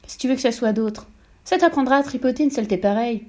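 A woman voicing a bossy, sharp-tongued mother who scolds curtly in a storybook reading. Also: fairly high pitch, quick pace, voice pushed up, lightly acted. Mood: scolding. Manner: scolding, curt.

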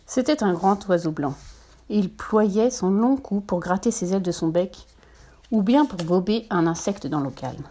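A woman reading a children's storybook aloud in a gentle, lively narration. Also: mid-range voice, moderate pace.

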